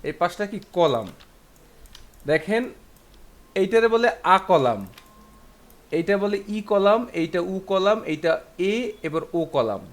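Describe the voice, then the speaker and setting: A man's voice: a little high, fairly bright tone. A man teaching a language class, patiently repeating syllables one by one and asking rhetorical questions. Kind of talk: classroom lesson.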